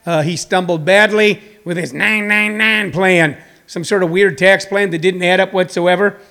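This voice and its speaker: High-pitched man, halting off-the-cuff show host. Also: steady tone, sharp tone. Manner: halting, emphatic, with repeated phrases. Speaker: host of a daily live comedy talk show. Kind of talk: off-the-cuff topical monologue.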